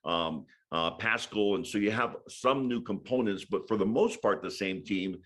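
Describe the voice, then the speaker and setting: Low-voiced man from Hawaii, podcast guest, musing, filler-heavy chat. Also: moderate pace, a bit bright. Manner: thoughtful, many fillers and restarts. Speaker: podcast guest, sports broadcaster. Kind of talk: casual interview chat.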